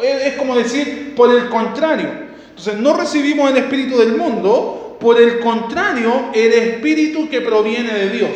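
A man's voice: extremely high pitch, lively intonation, moderate pace. A man preaching a sermon, asking his listeners questions, answering them himself and reading scripture aloud with repeated key words. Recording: echoey hall with long reverb.

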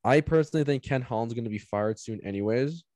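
A man's voice: mid-range voice, fast talker, darkish tone, no room sound, studio quality. A man co-hosting a sports podcast, giving short, laid-back replies. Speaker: podcast co-host. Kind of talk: casual sports chat.

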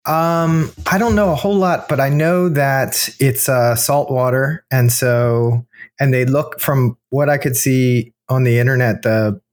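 A man co-hosting a podcast in casual conversation, speaking in a hesitant, halting way. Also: medium pitch, fairly even intonation. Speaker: podcast co-host. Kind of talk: casual chat. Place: unfurnished kitchen and dining area.

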